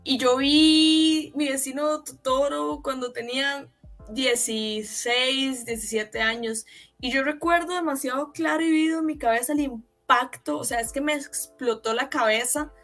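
Costa Rican woman, high voice, casual chat, emphatic and slangy, faint music behind. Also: steady tone, normal speed, a bit bright.

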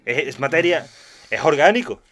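High-voiced man telling a funny story. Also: normal speed. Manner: animated, acts out quoted dialogue, laughs often. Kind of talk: casual comic storytelling.

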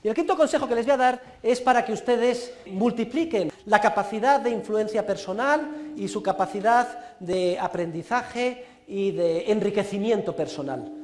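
High-voiced, emphatic Spanish lecturer. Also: male voice, darkish tone. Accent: Peninsular Spanish. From Spain. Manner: emphatic, exhorting, with dry humor. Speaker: university lecturer. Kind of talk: lecture giving advice to students.

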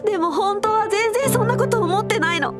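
A woman acts an earnest high school girl in a comedy audio drama. The very high, youthful voice speaks casually and expressively, with prominent music behind it. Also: fairly quick. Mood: upset, confessing.

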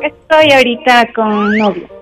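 A woman's voice: on the high side, a little slow, loud music behind the voice. A woman in her late twenties calling in to a radio show and answering questions shyly. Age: 20s. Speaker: caller. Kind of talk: phone-in chat.

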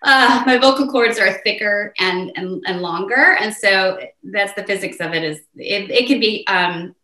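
At a moderate pace, this voice teacher guest walks through technique in an interview, her mezzo voice lively and demonstrative as she moves her pitch around to illustrate ideas. The room sounds reverberant.

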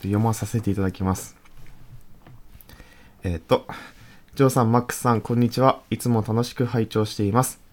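A man in his thirties with a strong Kansai accent, co-hosting a podcast, reading a listener letter and chatting in a calm, matter-of-fact way. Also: fairly low pitch, fast talker, hardly any pauses. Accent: Kansai Japanese. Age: 30s. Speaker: podcast co-host.

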